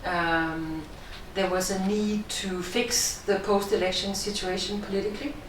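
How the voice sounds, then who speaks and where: A woman's voice: mid-range voice, steady tone, a little hiss or hum. Danish-accented woman in an echoey room. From Denmark. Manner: measured, explanatory, thoughtful. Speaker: film director. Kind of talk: interview answers. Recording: echoey room, distant mic.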